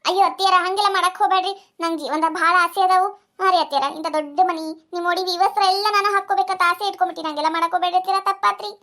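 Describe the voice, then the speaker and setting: A woman's voice: extremely high pitch, steady tone, bright, forceful tone, heavily acted. A woman with a North Karnataka Kannada accent voicing a scheming young daughter-in-law in a cartoon, whiny and melodramatic. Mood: pleading. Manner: whiny, melodramatic, fast rural chatter. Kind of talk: cartoon voice acting.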